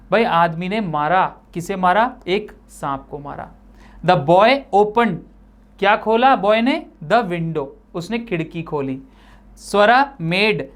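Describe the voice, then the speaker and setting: A man teaching an English grammar lesson, explaining in Hindi with an Indian accent and slowing down to say each example sentence. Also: high voice.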